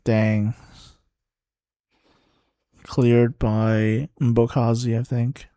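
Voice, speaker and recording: A man streaming a live watchalong, halting and thinking aloud as he reacts to the play. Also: mid-range voice, little pitch movement, warm tone, dry recording, clean studio sound. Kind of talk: casual live match commentary.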